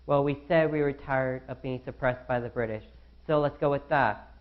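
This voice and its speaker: A man's voice: mid-range voice, normal speed, phone-quality sound, close to an everyday voice. A young man playing an anxious founding father in a student skit, fretting aloud to himself. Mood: worried musing. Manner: fretful, talks to himself.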